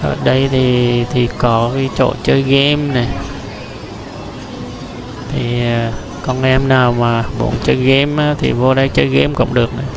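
Man, very gravelly voice, flat and level delivery, chatty walking-tour vlogger, addresses viewers, noisy indoor park ambience. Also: mid-range voice, normal speed, over music. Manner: chatty, addresses viewers directly, rambling with many fillers and restarts. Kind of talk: casual walking-tour commentary. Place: large indoor mall amusement park, noisy and busy.

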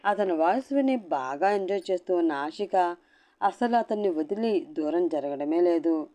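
Low, mellow woman storyteller. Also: normal speed. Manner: steady storytelling delivery. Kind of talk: serialized story narration.

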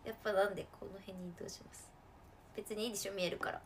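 A woman chatting casually on a live stream while she plays a game. She laughs often and breaks into sudden loud outbursts. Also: medium pitch, steady tone, fast, a little hiss or hum.

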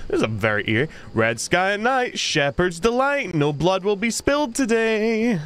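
Streamer, man, fairly high voice, animated and jokey, faint noise underneath. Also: moderate pace. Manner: joking, reads chat aloud, playful silly voices. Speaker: gaming streamer. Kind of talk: casual let's-play commentary.

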